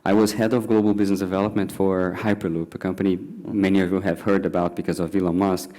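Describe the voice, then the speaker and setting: A man's voice: deep voice, little pitch movement, fast talker, dark tone. A man speaking on a panel discussion, hesitant, with many fillers and restarts.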